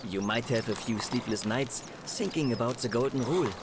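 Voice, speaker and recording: A man's voice: mid-range voice, heavy background noise, natural voice. An actor playing a weary, resigned man who greets newcomers formally in a German accent. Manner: formal, measured welcome with grim calm. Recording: game audio with loud music. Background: loud game music.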